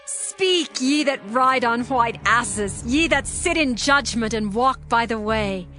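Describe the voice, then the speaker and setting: A solemn ancient Israelite proclaiming victory verse in an audio Bible drama. Her voice is fairly high and declamatory, over faint music. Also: lively intonation, slow, bright, forceful tone, heavily acted.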